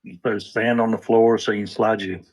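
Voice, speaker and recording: Low gravelly husky man. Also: little pitch movement, fairly quick, darkish tone, poor audio. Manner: easygoing, rambling, restarts often. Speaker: podcast guest. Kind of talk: casual interview chat.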